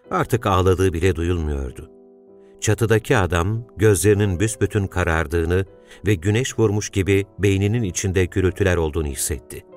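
A man reading a literary story aloud in a measured way, lifting his voice to act out the dialogue. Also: darkish tone. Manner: measured, raises pitch and volume to act out the dialogue.

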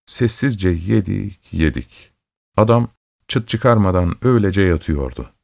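Low-voiced man reading a story. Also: lively intonation, unhurried, gravelly, darkish tone, no room sound, studio quality. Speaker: narrator. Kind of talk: scripted narration.

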